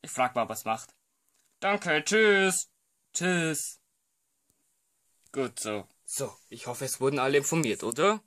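A man's voice: animated, takes it slowly, pauses often, a bit bright. A man voicing every character in a homemade comedy film, playful and hesitant, jumping between voices. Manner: playful, jumps between voices with sudden pitch shifts; hesitant, many fillers. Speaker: amateur filmmaker voicing all characters.

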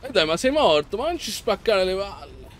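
A man hosting a let's play, commenting excitably and yelling and pleading at the boss. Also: sits high, moderate pace, heavy background noise. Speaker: gameplay channel host.

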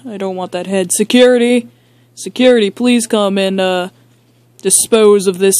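A girl voicing a boastful, deadpan dad toy who hosts a chaotic talk show in an amateur toy skit. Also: medium pitch, no room sound, natural voice. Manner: slow, boastful, deadpan rambling. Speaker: talk show host figure.

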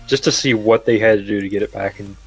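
A man's voice: lowish voice, fairly even intonation, fast talker, soft background music. A man chatting casually as a guest on a gaming stream, rambling with lots of fillers and laughing often. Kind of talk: casual chat.

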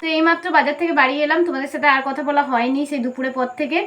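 Fast-talking, slightly hoarse Bengali woman vlogger. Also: high-pitched, steady tone. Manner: chatty, explains things at length to viewers. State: hoarse from a cold. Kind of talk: casual chatty vlog narration to viewers.

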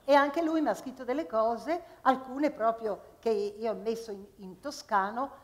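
A woman speaks slowly and chattily to an audience from a stage, pausing and restarting as she goes. Her voice sits a little high. A long reverb from the hall follows her. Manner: chatty and unhurried between pieces, with pauses and restarts. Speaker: actress performing at a festival. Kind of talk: live stage talk and poetry recital.

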